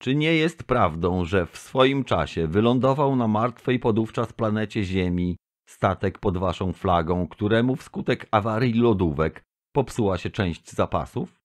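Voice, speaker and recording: A booming, stentorian tentacled alien delegate, put on by a man reading an audiobook, orating with grand pomposity. He thunders out accusations in a deep, low register. It sounds like a lofty speech before an assembly. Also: animated, a little slow. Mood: accusing. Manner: pompous oratory, denouncing.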